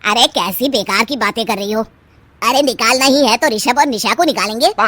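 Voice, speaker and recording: A woman's voice: on the high side, moderate pace, fairly bright tone, dry recording. A woman voicing a mild, easily swayed young son who speaks in a hesitant, placating way in a storybook tale. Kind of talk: storybook voice acting.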